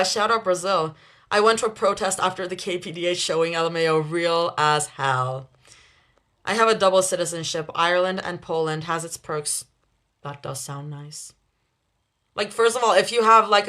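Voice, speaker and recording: A woman's voice: on the low side, sharp tone. Chatty young woman streaming live. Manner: chatty, laughs often, quick asides. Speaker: livestream host reading chat. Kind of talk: casual live chat with viewers.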